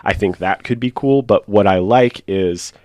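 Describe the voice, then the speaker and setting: A man's voice: on the low side, moderate pace, a little mellow, no echo, studio quality. A man co-hosting a casual podcast, rambling and thinking aloud in long run-on thoughts. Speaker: podcast co-host.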